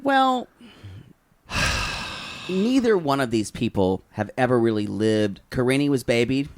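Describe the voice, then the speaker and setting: A man co-hosting a casual podcast recap, giggly and campy, full of quick asides. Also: mid-range voice, sing-song, no room sound. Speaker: podcast co-host.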